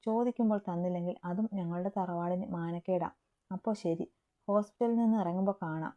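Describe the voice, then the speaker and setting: A woman's voice: on the low side, a little fast, phone-quality sound, close to an everyday voice. A woman voicing a hot-tempered young college man who barks harsh orders, in a storybook reading. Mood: cold threat.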